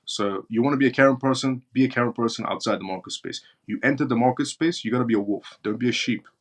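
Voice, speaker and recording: Speaking quickly at a medium pitch, a man from northern Iran hosts a live stream show. He answers viewer chat bluntly and repeats his points for emphasis.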